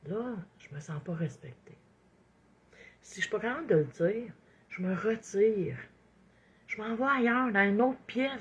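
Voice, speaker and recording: A woman with a Québécois French accent speaking casually as an inspirational speaker, expressive and acting out her inner thoughts, with many asides like "hein". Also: medium pitch, slightly rough, dull audio. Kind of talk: casual motivational monologue.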